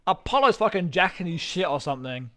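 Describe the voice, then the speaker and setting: A streamer giving loud, excitable, profane live commentary while playing a game. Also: medium pitch, fairly quick.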